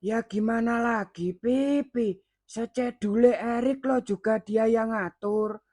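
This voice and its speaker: A woman's voice: a little high, slow, warm tone, dry recording, studio quality. Woman doing an evasive lying young man. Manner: evasive, excuse-making.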